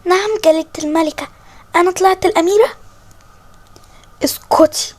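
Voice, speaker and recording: A woman's voice: very high voice, fairly even intonation, brisk, a little mellow, voice pushed up. A woman voicing a polite, eager young journalist in a toy-game story, with an Egyptian Arabic accent.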